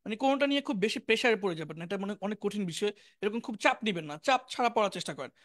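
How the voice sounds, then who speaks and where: A woman with a Bangladeshi accent teaching an online spoken English lesson, drilling each word slowly and repeating every form. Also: medium pitch, animated.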